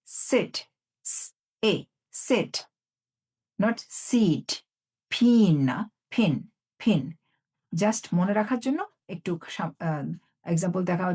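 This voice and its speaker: A woman teacher giving a phonics lesson, explaining in Bengali and slowly repeating each English sound and example word. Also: mid-range voice, husky.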